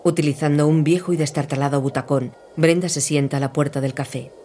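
A narrator reading scripted audio description in an even, neutral voice. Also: medium pitch, brisk, slight background noise.

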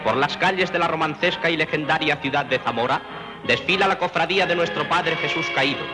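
A man's voice: on the high side, a little fast. An actor playing a solemn male newsreel announcer, declaiming grandly in the style of an old newsreel shown on a cinema screen. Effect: old newsreel played on a cinema screen. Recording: echoey cinema hall with music.

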